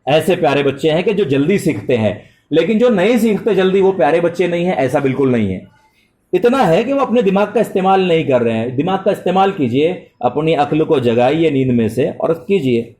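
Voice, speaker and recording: A man's voice: a little high, expressive, brisk, darkish tone. A middle-aged man teaching math to a full classroom of children, speaking politely and praising them. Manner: addresses students with polite forms and praise.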